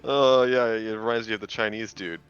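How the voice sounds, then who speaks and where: Young man, low voice, deadpan teasing. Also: fairly quick, clear, resonant tone, lo-fi sound. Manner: deadpan teasing, mock-serious arguing. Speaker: stream co-host. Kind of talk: casual stream chat. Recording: faint music in background.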